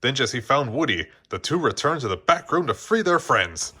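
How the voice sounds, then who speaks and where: His medium-pitched voice is sing-song and husky with a sharp edge, moving at a moderate pace as he reads a children's story from the page. Every so often he stumbles and rereads a word.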